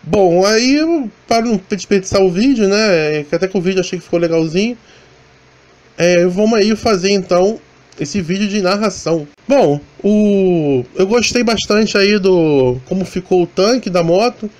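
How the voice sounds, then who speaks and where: A man with a fairly high voice and a Rio de Janeiro accent talks through his motorcycle vlog as a relaxed voice-over. He rambles along in casual chat, trailing off and restarting his sentences often. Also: moderate pace. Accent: Rio de Janeiro Portuguese. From Brazil. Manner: rambling, chatty, many restarts and fillers. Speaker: motovlogger. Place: voice-over, not recorded on the ride.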